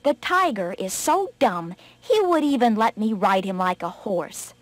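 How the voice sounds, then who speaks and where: A woman's voice: mid-range voice, animated, a little slow, dry recording. A woman voicing a tricky, boastful male rabbit in a storybook reading, who fakes a weak, sickly voice.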